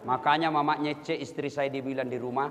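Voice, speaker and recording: A man giving a humorous sermon to a live audience, telling stories animatedly and leaping into loud, high exclamations. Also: steady tone, fairly quick. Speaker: Islamic preacher. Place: large hall with an audience. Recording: reverberant hall, faint background noise.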